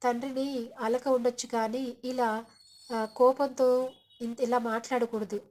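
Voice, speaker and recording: A woman voicing a stern older man who scolds quietly and slowly. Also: a little high, flat delivery, lightly acted.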